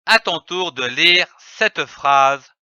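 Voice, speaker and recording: Man, reading teacher, very slow, bright voice, syllables spelled out one by one. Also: fairly high pitch, lively intonation, clear, resonant tone, no echo, highs cut off. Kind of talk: slow phonics lesson for children.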